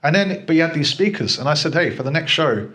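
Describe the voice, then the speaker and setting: A man talks fast in a relaxed interview. He is chatty and laughs easily, often restarting sentences and piling on fillers. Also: on the high side. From England. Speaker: gallery founder, guest. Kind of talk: casual interview chat.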